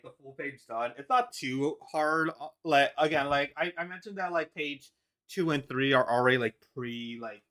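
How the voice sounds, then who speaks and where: On a live stream, a man talks casually about his comics in a bright, forceful voice on the high side. He rambles with many restarts and fillers, laughing between thoughts.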